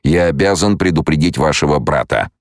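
A man's voice: extremely low pitch, animated, brisk, no room sound, studio quality, voice pushed up. Man playing a fussy, reproachful court physician. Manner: reproachful, formal.

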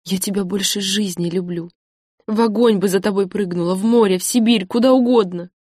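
A heartbroken, stubborn young woman pours out her feelings in an audiobook , as a woman narrator puts her on. Her low-pitched voice swells emotionally and pleads. The recording is close and dry. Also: normal speed, a little mellow, dry recording. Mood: upset, pleading. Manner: emotional, pleading, rising to outbursts.

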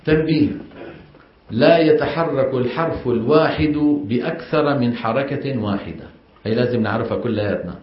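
A man's voice: mid-range voice, normal speed, a little hiss or hum. Male teacher, Levantine accent, classroom lecture, quizzes the class often; roomy, muffled lo-fi sound. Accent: Levantine Arabic. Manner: questions the class often and drills them to repeat. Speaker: Quran recitation teacher. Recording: echoey, dull lo-fi classroom recording.

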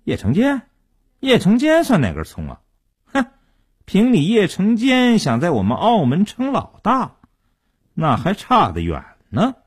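A man's voice: high voice, huge pitch swings, unhurried, breathy edge, voice pushed up, exaggerated voice. A man doing a sneering young thug. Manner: mocking, threatening.

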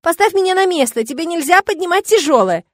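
A woman reading the lines of a playful, teasing young wife in an audiobook, her voice lifted higher than her narration. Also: expressive, fast, dry recording, clean studio sound. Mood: laughing protest. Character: tender, playful woman, newly pregnant wife.

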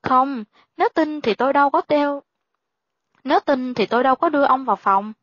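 Tense, curt widowed mother, read by a woman, clipped lines, raised pitch. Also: fairly quick, no room sound, muffled recording, close to an everyday voice. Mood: guarded. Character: frightened widowed mother, sharp-tongued.

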